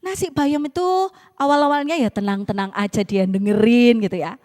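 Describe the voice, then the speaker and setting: A woman's voice: fairly high pitch, a little fast. A woman pastor tells a story in her sermon, chatting with the congregation and asking them questions. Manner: animated, conversational, asks the congregation questions. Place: church. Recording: reverberant church hall.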